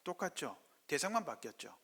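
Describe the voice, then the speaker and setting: A man's voice: fairly high pitch, big pitch swings, fairly quick, bright, forceful tone, slightly rough. A male pastor with a Gyeongsang Korean accent preaching a sermon, pressing the congregation with rhetorical questions and acting out biblical speakers. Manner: acts out biblical speakers in dramatic voices. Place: church sanctuary. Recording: echoey church hall.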